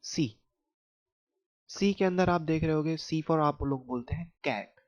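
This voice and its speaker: A man with an Indian accent teaching children letter sounds in a slow phonics lesson, explaining patiently and checking whether they understood. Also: a little high. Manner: explains patiently, asks questions back to kids. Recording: dull lo-fi home recording.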